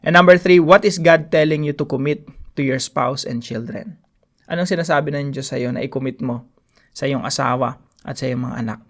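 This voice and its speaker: A man's voice: mid-range voice, moderate pace. A middle-aged man with a Filipino accent giving a devotional Bible teaching as a pastor, emphatic and repeating key phrases, switching between English and Filipino. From Philippines.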